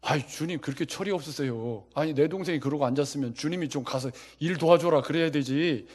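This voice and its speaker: A man's voice: on the high side, brisk, darkish tone, close to an everyday voice. A man puts on a harried, exasperated woman who scolds her guest for not helping. The voice rises a little and pushes harder, nagging in tone.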